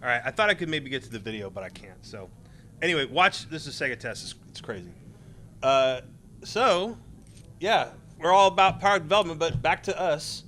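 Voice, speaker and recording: Middle-aged male panelist, rambling storyteller, bright tone. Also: fairly high pitch, animated, fairly quick, slight background noise. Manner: rambling anecdotes with many fillers. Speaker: former game tester, panelist. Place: convention panel room.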